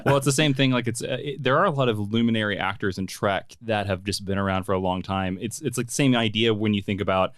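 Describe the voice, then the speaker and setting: Quick talking guy host, kinda low voice, trips over his questions. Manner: rambling, self-interrupting. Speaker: podcast host. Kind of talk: casual chat.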